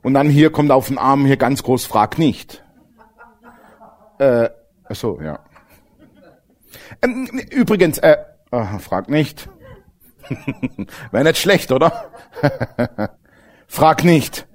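Animated preacher, wide pitch swings. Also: male voice, takes it slowly, pauses often. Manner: animated, jokes with the congregation, swings from loud to hushed. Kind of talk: lively sermon.

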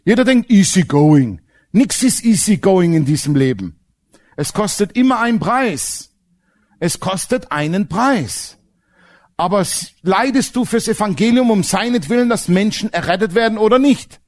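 A man preaching a sermon, telling stories with feeling and dropping to hushed, choked-up moments. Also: high-pitched, moderate pace. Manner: emotional, animated storytelling with sudden quiet, choked-up stretches.

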